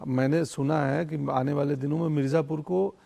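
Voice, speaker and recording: A man's voice: fairly high pitch, fairly even intonation, moderate pace, gravelly, dark tone. A middle-aged actor speaking as a guest in an interview, musing and philosophical, telling stories from his life. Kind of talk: reflective interview conversation in Hindi mixed with English.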